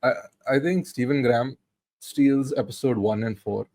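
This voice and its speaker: A man's voice: mid-range voice, unhurried, darkish tone, no room sound. A man in his thirties co-hosting a film podcast, retelling scenes in casual chat with many restarts. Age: 30s. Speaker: podcast co-host.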